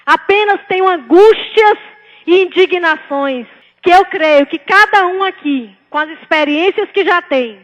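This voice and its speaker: A woman councillor with a Bahian, Northeastern Brazilian accent delivers a fervent political speech. Her voice sits high, and she presses her points with emphatic rhetorical questions and repeated phrases. The sound carries the long reverb of a large chamber. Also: unhurried, a bit bright, lo-fi sound. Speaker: city councillor.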